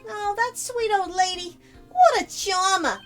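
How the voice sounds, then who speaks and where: A woman voicing a gruff, blustering male police detective who keeps calling people pal, over faint music. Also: very high voice, a little slow, pitched above the performer's own voice. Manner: brash, says "pal" a lot.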